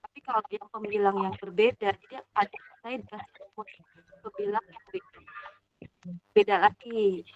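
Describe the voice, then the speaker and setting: A woman's voice: mid-range voice, big pitch swings, normal speed, pauses often. A woman, a parent joining an online class, explains a math method step by step while her call audio keeps cutting out. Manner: explains step by step, searching for words. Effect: choppy call audio that keeps cutting out. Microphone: video call. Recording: muffled lo-fi video call.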